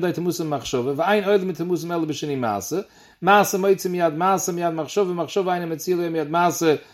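A man with a Yiddish accent teaching a Talmud lesson in a chanting study cadence. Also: on the high side. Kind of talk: Talmud lesson explaining a page.

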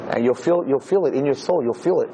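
A man's voice: mid-range voice, fast talker, gravelly, mellow, a little hiss or hum, poor audio. A man giving an informal Torah lecture to a roomful of listeners, speaking emphatically and throwing rhetorical questions at them. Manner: emphatic, asks the audience many rhetorical questions. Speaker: rabbi giving a class. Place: lecture room with an audience.

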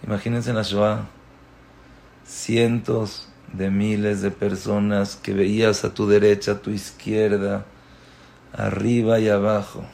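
Gravelly preacher. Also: male voice, lowish voice, little pitch movement, slow, darkish tone. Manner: storytelling, with emphatic repetition. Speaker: religious speaker. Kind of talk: sermon.

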